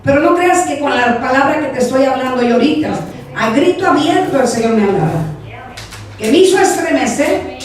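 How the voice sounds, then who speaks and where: High-voiced woman pastor in echoey hall. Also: fairly quick, far from the mic. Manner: animated storytelling, addresses congregation as brothers. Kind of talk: testimony sermon.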